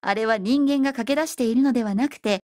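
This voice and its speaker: A woman's voice: on the high side, a little mellow, no echo, studio quality, close to an everyday voice. A woman reading as a self-assured future professor. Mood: explaining. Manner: polite explaining, brisk refusals. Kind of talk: audiobook reading.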